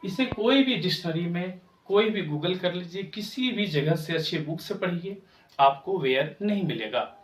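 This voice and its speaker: A man teaching English pronunciation, speaking slowly and repeating each word to correct common mistakes. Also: high-pitched, animated, a little hiss or hum. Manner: slow, repetitive, corrective. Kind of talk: pronunciation lesson to camera. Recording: echoey room, voice from a distance.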